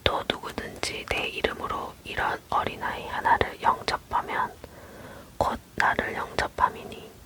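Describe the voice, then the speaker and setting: Close leaned-in whisper, ASMR scripture reader. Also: a little slow. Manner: leaning in to whisper, close and unvoiced throughout. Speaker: Bible reader.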